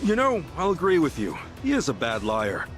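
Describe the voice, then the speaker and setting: A man's voice: on the high side, huge pitch swings, moderate pace, a bit bright, soft background music. A man playing a loyal, scrappy, protective yakuza hero in a video game, speaking bluntly and emphatically. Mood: teasing.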